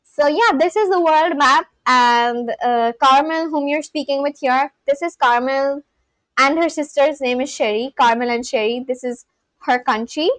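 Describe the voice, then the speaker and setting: This livestream host, a woman with an Indian accent, keeps things chatty and friendly, speaking straight to her chat and often laughing between remarks. Her high, bright voice moves at a measured pace, and the sound is dry and close with no echo or room ring.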